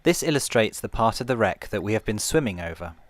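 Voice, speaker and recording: A man narrating a scripted guided tour in a calm, measured, explanatory way, like a museum guide. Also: on the low side, no room sound. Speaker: tour guide narrator of a shipwreck dive trail.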